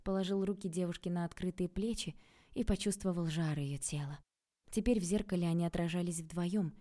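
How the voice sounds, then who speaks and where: A woman reading an audiobook aloud in a calm, even storytelling manner. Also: on the low side, a little fast. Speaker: audiobook narrator. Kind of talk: scripted narration.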